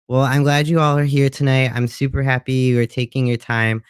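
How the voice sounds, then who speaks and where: A man hosting a casual livestream show, chatty and relaxed, with many ums. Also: medium pitch, brisk, smooth, dry recording, studio quality.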